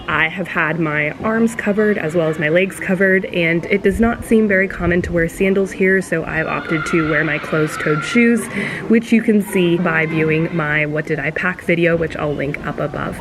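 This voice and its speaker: A woman, a travel vlogger, chats to her viewers in a casual show-and-tell from a hostel room. She explains things directly to the camera, and her voice comes through a low-quality built-in camera mic. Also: background noise. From United States. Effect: low-quality audio from a built-in camera mic. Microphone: built-in camera mic, no external mic.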